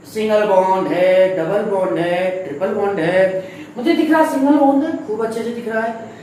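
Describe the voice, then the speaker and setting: A man's voice: very high voice, darkish tone. Man teaching in a very echoey room. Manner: conversational, asks and answers his own questions, repeats key points. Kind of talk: recorded classroom lesson. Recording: very echoey room, mic at a distance, faint noise.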